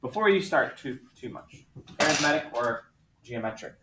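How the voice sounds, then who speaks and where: A male math teacher leads his classroom through a lesson, firing off quick questions to draw out answers. His voice sits at an ordinary middle pitch, with a faint hiss of noise underneath. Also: lively intonation. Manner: brisk, coaxing questions to students.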